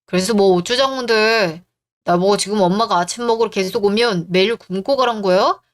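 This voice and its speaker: A woman's voice: medium pitch, normal speed, natural voice. A woman voicing an irritated, defensive young husband in a storybook reading. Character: defensive young husband caught between wife and mother.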